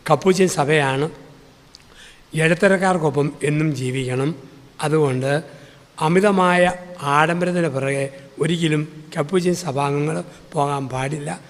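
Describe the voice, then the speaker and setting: A fairly high-voiced male priest delivers a sermon, weaving in humorous stories and repeating key phrases for emphasis. His voice carries a long reverb, as if filling a large hall. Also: measured pace, pauses often. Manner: rhetorical repetition, storytelling.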